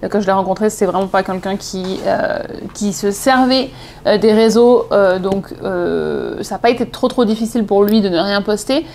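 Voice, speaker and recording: Her voice is mid-range and darkish, with vocal fry, at a moderate pace, and a little hiss or hum can be heard. She's a French-accented vlogger in her thirties from southeast France, casually recounting personal stories to camera in a rambling, chatty style and frequently correcting herself.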